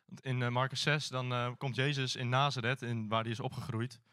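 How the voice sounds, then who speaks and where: A man delivers an informal sermon as a church elder. He talks in a hesitant, searching way, with frequent pauses, at a mid pitch. The sound is dry and close. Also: level tone, bright, forceful tone, no room sound.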